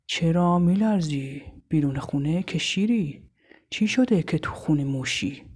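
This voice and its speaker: A proud, cold older man from an audio storybook, voiced by a woman narrator. He speaks slowly in a thick, husky, manly tone, curt and mocking, and rarely softens. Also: low voice, expressive.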